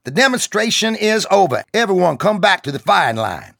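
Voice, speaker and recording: A man barking as a gruff drill sergeant. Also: medium pitch, sing-song, brisk, fairly bright tone, no room sound, studio quality, voice pushed up, heavily acted. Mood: instructing. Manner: barking, commanding, profane.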